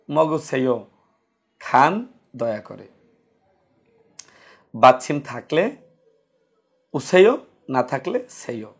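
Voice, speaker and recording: A man's voice: fairly high pitch, vocal fry, fairly bright tone, breathy edge. A man teaching a grammar lesson, asking rhetorical questions and answering them himself. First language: Bengali. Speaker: Korean language teacher.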